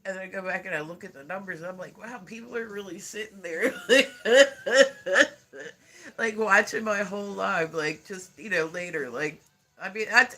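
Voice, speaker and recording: A man chats casually on a livestream, rambling with lots of filler words and frequent laughter. His voice is high-pitched, bright and forceful, and he sounds congested and nasal.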